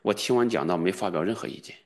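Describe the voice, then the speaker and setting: A man preaching as a pastor, swinging between quiet low asides and loud, high, fervent exclamations, at times chanting repeated commands in prayer. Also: quick pace. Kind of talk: charismatic sermon.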